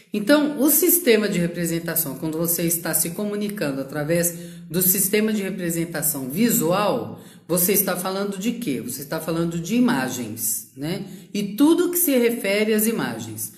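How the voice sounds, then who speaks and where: A sales trainer with a Brazilian Portuguese accent delivers a lecture over a social media live stream on her phone, going through terms one at a time and checking in with "ok?". Her voice is fairly low and a little mellow, in an echoey room.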